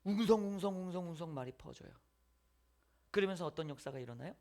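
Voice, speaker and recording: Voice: mid-range voice, lively intonation, fast talker, darkish tone. A pastor preaching a Sunday sermon in a church, acting out little dialogues and dropping at times to near whispers. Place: church sanctuary.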